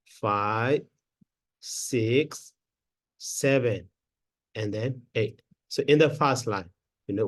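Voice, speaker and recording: A man teaching Pali grammar in a slow lesson, counting syllables aloud one at a time with many pauses and fillers. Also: mid-range voice, a little mellow, no echo.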